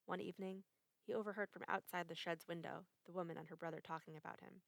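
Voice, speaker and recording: A woman narrating a short story as a dramatic reading, measured and expressive. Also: fairly low pitch, gravelly, dry recording.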